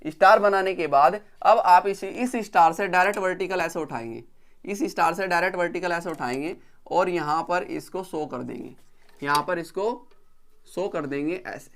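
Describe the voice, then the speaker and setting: A man's voice: high voice, fairly bright tone. Male lecturer, patient step-by-step explainer who repeats points and checks in with students. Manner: counts slowly while drawing. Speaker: engineering drawing teacher. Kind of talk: recorded video lecture.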